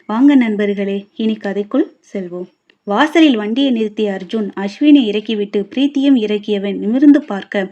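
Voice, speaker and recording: A woman reading a scripted audio novel in an even, expressive voice. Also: mid-range voice. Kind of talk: scripted story narration. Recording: dull lo-fi recording.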